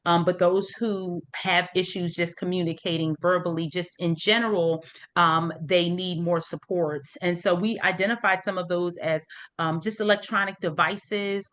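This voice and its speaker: Over a video call, a middle-aged American woman hosts an online support group for parents, explaining things informally and often checking in with her listeners. Her voice is lowish and a bit bright, with fairly even intonation and a moderate pace, and there is slight background noise.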